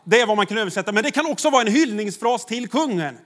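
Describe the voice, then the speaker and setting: A man's voice: high voice, animated, a bit bright. A man, a pastor, preaching a sermon in a conversational way, with rhetorical questions to the congregation.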